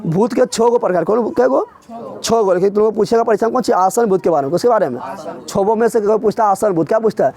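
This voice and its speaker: A man teaching a grammar revision lesson in a classroom, drilling his students with quick repeated questions. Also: high-pitched, mellow.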